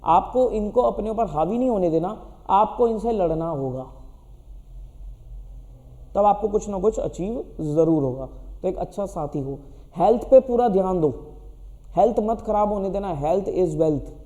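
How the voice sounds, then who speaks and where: A man's voice: sits high, unhurried, pauses often, warm tone, long reverb tail, highs cut off. A man teaching students, giving a direct motivational talk in which he asks questions and answers them himself.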